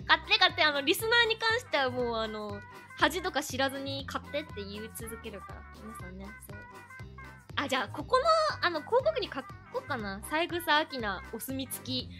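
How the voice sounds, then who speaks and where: A woman with a high, bright, pushed voice sounds very animated at a moderate pace. Cutesy and giggly, she's a streamer hosting a casual livestream chat with a call-in guest. Background music plays under her voice.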